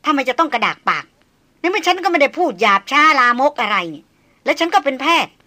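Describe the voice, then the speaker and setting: Woman doing a feisty, sharp-tongued young woman. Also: sits high, expressive, pitched above the performer's own voice. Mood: teasing. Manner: teasing, bold, quick-tempered.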